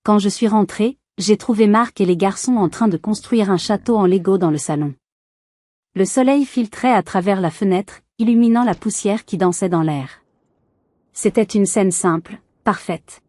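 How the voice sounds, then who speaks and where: A woman telling a first-person story in a calm, even, measured way. Her tone is dark and mellow. The recording is dry and close-miked. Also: medium pitch, no echo.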